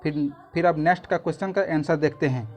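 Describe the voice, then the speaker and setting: A man's voice: fairly high pitch, fairly even intonation, fast, soft background music. A man, a YouTube tutor walking through exam answers in a casual, repetitive way that often restarts phrases.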